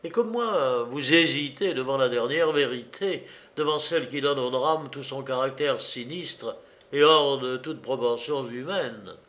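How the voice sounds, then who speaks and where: A man reading the part of a calm, self-assured gentleman detective in an audiobook, measured and quietly insistent. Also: medium pitch.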